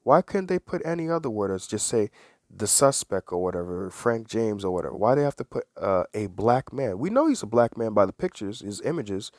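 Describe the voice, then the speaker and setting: A man's voice: lowish voice, big pitch swings, brisk, darkish tone, no room sound, studio quality. A man giving preachy religious commentary, reading aloud and stressing words, repeating phrases and asking rhetorical questions.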